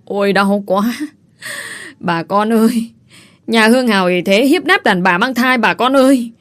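A woman voicing a scheming young pregnant village woman who wails and pleads loudly. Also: on the high side, a little slow. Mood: wailing. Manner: loud, wailing, pleading.

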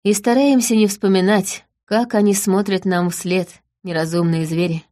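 A woman voicing a gentle young mortal man in an audiobook, speaking quietly and wistfully. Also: mid-range voice, fairly even intonation, moderate pace, lightly acted. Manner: quiet, hushed. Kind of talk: audiobook reading.

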